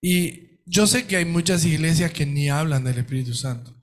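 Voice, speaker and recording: A man's voice: fairly high pitch, normal speed. A man with an Argentine Spanish accent, a pastor delivering a sermon, asking rhetorical questions and acting out quoted voices. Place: church.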